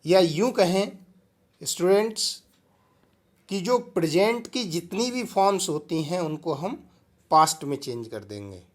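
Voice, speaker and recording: A man's voice: sits high, sing-song, unhurried. A man teaching a grammar lesson, explaining step by step and speaking to his students directly.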